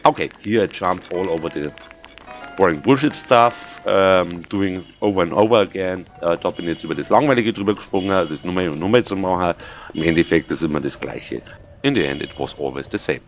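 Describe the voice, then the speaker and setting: A man with a Bavarian accent, a native German speaker, commenting on a game in English and then repeating each line in German, excitable and prone to swearing. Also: low-pitched, fairly quick. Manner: excitable, with swearing and sudden outbursts. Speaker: gaming video host. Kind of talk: bilingual gameplay commentary. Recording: loud game music behind the voice.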